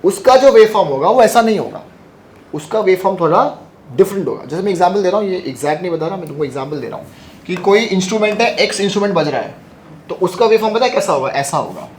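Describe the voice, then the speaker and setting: Fast and expressive, a high-pitched male teacher runs a physics lecture full of questions to the class, restated answers, and playful teasing. There's slight background noise.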